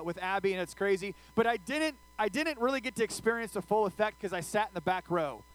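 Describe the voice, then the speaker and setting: In a rough, high-pitched recording, an adult man older than his teen audience gives a casual youth sermon as their youth pastor. He checks in with listeners after nearly every sentence and tells funny stories about himself, acting out his own screaming.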